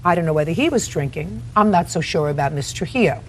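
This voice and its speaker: A woman judge questioning litigants in a courtroom, sharp and interrupting, scolding them. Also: fairly low pitch, expressive, fast talker, a little hiss or hum.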